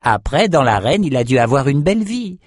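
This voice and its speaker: A man voicing a naive, childlike albino shaman slaver in an audiobook, in a high, slow, puzzled voice. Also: big pitch swings, no echo, clean studio sound. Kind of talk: audiobook character voice.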